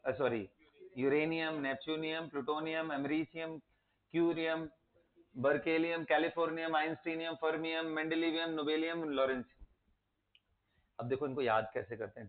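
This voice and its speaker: A man teaching a chemistry lesson, quizzing his students and coaxing them to recite element names. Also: a little high. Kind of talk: classroom lecture. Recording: tinny phone-like audio.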